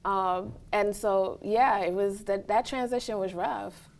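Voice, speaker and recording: A woman's voice: mid-range voice, steady tone, takes it slowly, vocal fry, darkish tone. A woman from Trinidad and Tobago giving reflective, earnest answers in a casual interview, often checking in with "right?". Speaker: interviewee, college staff.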